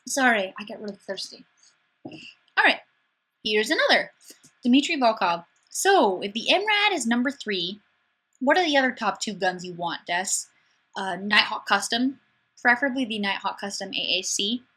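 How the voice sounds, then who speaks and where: Over a webcam mic, a Wisconsin livestream host in her youth chats upbeat with viewers, reading their comments and tossing off sarcastic replies. Her fairly high voice is sing-song, bright, forceful and husky, at normal speed.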